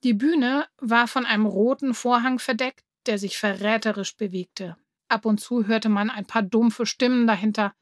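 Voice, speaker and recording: A woman calmly narrating a children's story. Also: on the high side, moderate pace, no room sound, studio quality. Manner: calm, clear storytelling. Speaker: reader.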